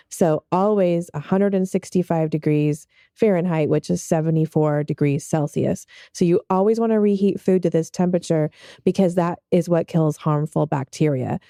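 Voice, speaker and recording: A woman explaining food safety in a casual podcast chat, clear and agreeable. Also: deep voice, warm tone, no room sound, studio quality. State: married.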